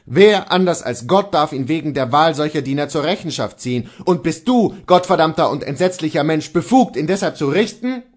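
A man's voice: a little high, expressive, fairly quick, few pauses, voice pushed up. A man reading the part of a stern, indignant male church reformer, scolding in thundering rebukes. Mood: indignant wrath.

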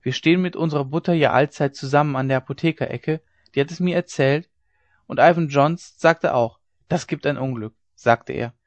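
A man voicing an excited young farm maid who breathlessly tells eerie rumours to the other servants. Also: a little high, moderate pace, no room sound, close to an everyday voice. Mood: agitated. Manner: breathless, hushed when telling secrets.

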